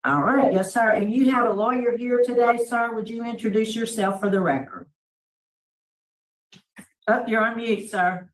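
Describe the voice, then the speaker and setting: A woman's voice: a little high, normal speed, long pauses. A woman leading a formal parole hearing over a video call, polite and procedural, calling people sir. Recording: roomy, distant from the mic.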